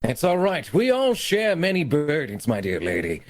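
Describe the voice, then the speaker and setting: High voice, swoops all over, earnest knight talk. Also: male voice, wildly swooping pitch, normal speed. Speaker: player.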